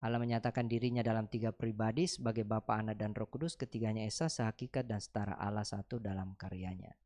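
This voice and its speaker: Lively man. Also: fairly low pitch, fast talker. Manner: lively, acts out mock dialogues, laughs often, teasing rhetorical questions. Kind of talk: church teaching talk and Q&A.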